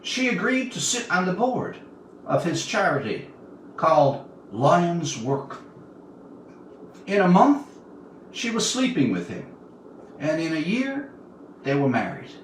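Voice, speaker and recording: A man of about seventy from Newfoundland, Canada, is a writer reading his work and telling stories to viewers on an informal livestream. His voice sits on the high side, with wildly swooping pitch, a slow pace and long pauses. The mic is distant, so the sound is roomy and echoey, with audible noise.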